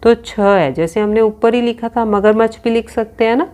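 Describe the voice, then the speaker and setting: A woman's voice: on the high side, normal speed, darkish tone. A woman teacher working through a worksheet with children, reading out options and spelling words letter by letter.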